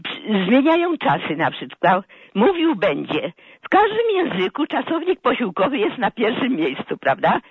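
An older woman phones in to a radio show, her husky voice rising and falling in lively sweeps as she rambles through an indignant complaint. The call sounds muffled and dry, as if carried over a phone line. She comes across as animated and aggrieved. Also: on the high side, moderate pace, dry recording. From Poland. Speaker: caller.

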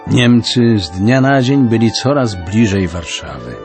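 A man narrating a storybook in an expressive reading style. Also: on the low side, a little slow, faint music behind.

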